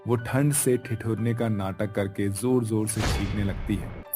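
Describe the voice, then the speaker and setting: A man narrates a cartoon story with a low, mellow voice. His delivery is measured and even, that of a scripted storyteller. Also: soft background music.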